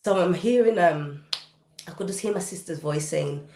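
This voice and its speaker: A woman's voice: on the low side, normal speed, gravelly, mellow, roomy sound, slight background noise. A British woman, a guest recording artist, recounting a personal story in a podcast interview with vivid, intense, casual delivery. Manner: vivid, intense retelling with casual dialect grammar.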